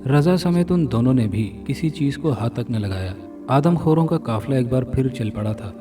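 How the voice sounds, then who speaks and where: A man reading a scripted horror story dramatically, sounding a little far from the mic over loud music. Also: mid-range voice, expressive, moderate pace. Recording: narration from a distance with loud music.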